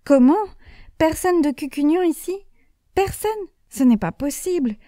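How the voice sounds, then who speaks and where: A woman's voice: sits high, unhurried, mellow, no echo, studio quality. A woman voicing an elderly male village priest, earnest and anxious, who pleads and exclaims. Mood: dismayed.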